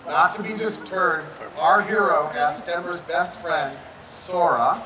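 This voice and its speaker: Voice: mid-range voice, takes it slowly, a loud crowd. A wedding officiant telling a playful, teasing story about the couple during an outdoor ceremony. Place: outdoor public garden. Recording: echoey, distant outdoor sound with noise.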